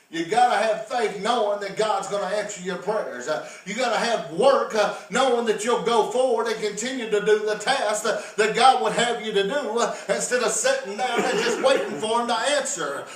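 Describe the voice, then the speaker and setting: A man preaching a sermon in a church, rising to fervent shouting with drawled fillers. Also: high-pitched, brisk, few pauses. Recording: echoey room heard from a distance.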